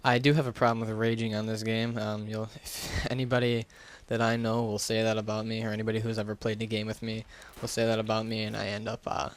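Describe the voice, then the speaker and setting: Talking into a gaming headset, a gaming YouTuber rambles through casual, unscripted commentary in a hesitant, self-deprecating way. His voice sits on the low side, with flat delivery and a quick pace that leaves few pauses.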